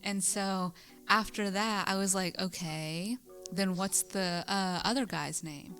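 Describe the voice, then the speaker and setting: Bright-voiced young woman telling a story. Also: medium pitch, takes it slowly, soft background music. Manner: rambling storyteller, giggly, says "like" a lot. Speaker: podcast co-host. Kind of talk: casual chat.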